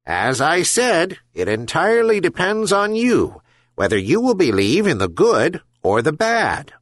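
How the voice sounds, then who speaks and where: A man voicing a wise herring gull that speaks in a measured, admonishing way. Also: on the high side, wildly swooping pitch, dry recording, studio quality, pitched above the performer's own voice, full character voice.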